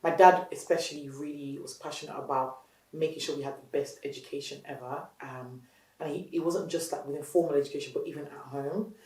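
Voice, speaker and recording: Low-pitched and brisk, this woman from Nigeria speaks with a light Nigerian accent while recounting how she founded her business in a candid interview. She's animated, laughs a lot, and keeps restarting her sentences; the mic is distant in a roomy space.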